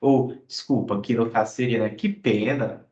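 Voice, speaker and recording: A man's voice: mid-range voice, steady tone, darkish tone, muffled recording. Brazilian man teaching English, roomy room. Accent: Brazilian Portuguese. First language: Portuguese. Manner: explains step by step, often checking with "né?" and "ok?"; acts out short example dialogues, reading English phrases slowly. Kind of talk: online English lesson.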